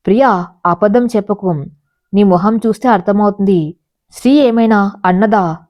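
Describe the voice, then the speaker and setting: A woman's voice: mid-range voice, normal speed, a little mellow, lightly acted. A woman reading as a grave, stern father. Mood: concerned. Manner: grave, firm, direct. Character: stern middle-aged father, grave and firm.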